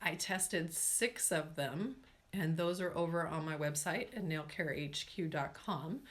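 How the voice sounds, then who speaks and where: A woman's voice: sits low, measured pace. A middle-aged woman explaining nail care in a casual talk, chatty and rambling, full of fillers and asides.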